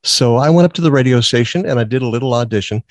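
A man's voice: medium pitch, fast talker, no room sound. A man who grew up in Massachusetts, a guest on an interview show, telling stories in a chatty way and often laughing. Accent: neutral American, no strong regional accent. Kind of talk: casual interview chat.

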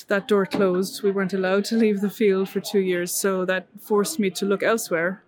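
A middle-aged woman from Ireland, earnestly telling her story as a missionary guest in a conversational interview. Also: medium pitch. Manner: earnest, with frequent restarts and fillers.

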